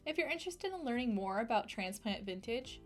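A woman's voice: fairly high pitch, animated, a little fast, soft background music. A woman radio host reading a prepared introduction to her interview show.

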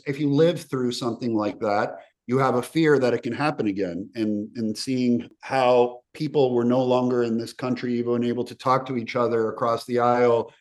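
A man's voice: medium pitch, steady tone, moderate pace, few pauses. A man from the former Yugoslavia, a film director, answering interview questions in an earnest, reflective, run-on manner.

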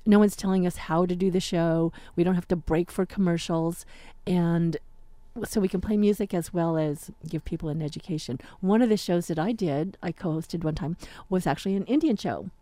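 An American woman with a lowish, warm voice talks fairly quickly as a radio host in her studio, chatting casually and informally in an interview. There's no echo.

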